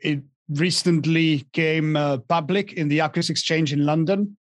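A man's voice: on the high side, fairly even intonation, a little slow, no room sound. A young man from Argentina, a guest in a casual interview, speaking with many restarts and fillers. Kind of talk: casual interview over a call.

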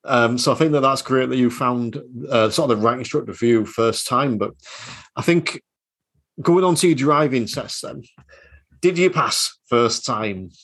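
A man's voice: medium pitch, normal speed, fairly bright tone. A man hosting a podcast as a driving instructor, asking questions and giving advice in an encouraging, conversational way. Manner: encouraging, conversational, some hesitations.

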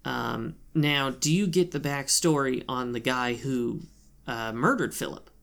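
A man's voice: mid-range voice, a little slow, vocal fry, fairly bright tone. A man co-hosting a casual podcast chat, talking loosely with frequent fillers and asides. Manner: chatty, lots of fillers and asides. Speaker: podcast co-host.

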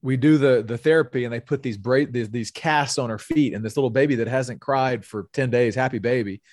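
A sales executive appearing as a podcast guest earnestly tells a personal story, often repeating words. His medium-pitched voice is brisk and darkish, captured in clean studio sound with no echo.

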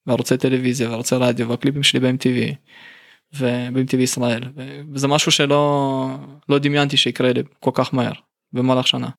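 A man's voice: mid-range voice, level tone, creaky, fairly bright tone, no room sound, studio quality. A man from Russia with a Russian accent, talking candidly and colloquially in a casual interview as a musician guest. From St Petersburg, Russia.

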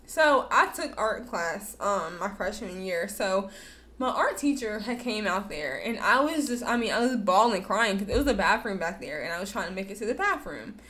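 A woman's voice: medium pitch, sing-song, moderate pace, sharp tone. A young adult woman casually telling a personal story, candid and repeating words for emphasis.

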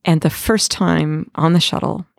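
A woman's voice: sits low, steady tone, measured pace, vocal fry, dry recording, studio quality. A middle-aged woman from Massachusetts, a retired astronaut, telling her story in an enthusiastic, casual way.

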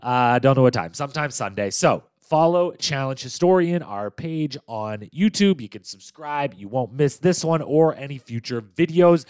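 A man with a nasal, congested voice hosts a casual podcast, chatty and playful. His pitch sits in an ordinary middle range, and the sound is close and dry, with no room echo. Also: lively intonation, moderate pace, few pauses, a little mellow, clean tone. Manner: chatty, self-promoting, playful asides. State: stuffy nose from a cold. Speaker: podcast host. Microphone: studio microphone.

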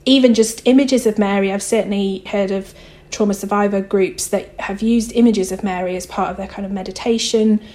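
A woman's voice: mid-range voice, steady tone, a little fast, mellow. A woman author and theologian answering interview questions in a reflective way, thinking aloud as she goes.

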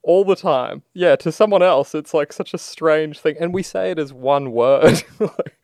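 Smooth, clear-voiced Australian man chatting. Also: a little high, unhurried, darkish tone, dry recording, studio quality. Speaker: podcast co-host. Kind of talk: casual chat.

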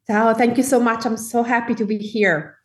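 A woman with an Italian accent talking as an interview guest, relaxed and friendly with easy laughs. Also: a little high, normal speed, recorded from a distance. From Italy. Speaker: guest cookbook author. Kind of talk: casual interview chat.

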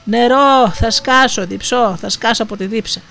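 A storyteller voicing a gullible, blustering male wolf, loud and gruff, in an Asia Minor Greek dialect. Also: medium pitch, animated, faint music behind, lightly acted. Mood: angry.

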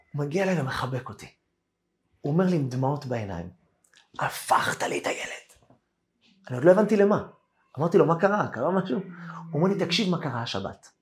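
A man teaching a Torah lesson as a rabbi, telling a long story and acting out what each person said. His pitch jumps around a lot as he tells it, and he does the other people's lines himself. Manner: animated storyteller acting out quoted dialogue.

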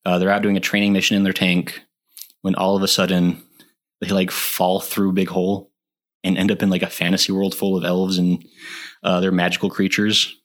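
A man co-hosting a podcast, chatting casually and enthusiastically, laughing often and filling pauses with "like" and "uh". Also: sits low, level tone. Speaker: podcast co-host. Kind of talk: casual chat.

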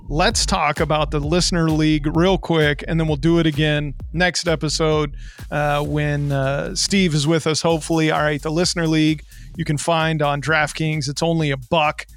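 A man hosting a fantasy sports podcast with lively banter and brash, boastful showman patter. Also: fairly high pitch, normal speed. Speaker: podcast host.

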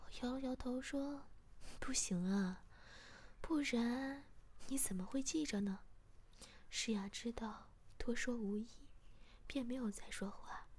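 A woman narrating a first-person story in whispered role-play, with a hushed, breathy delivery. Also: a little high.

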